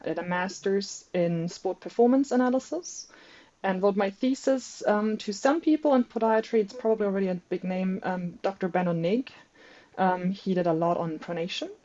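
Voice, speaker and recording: A native German speaker from Germany, a researcher and PhD candidate appearing as a podcast guest, talks casually in a good-humoured, self-deprecating interview. Her mid-range, mellow voice moves at normal speed, and the highs are cut off, with a German accent throughout.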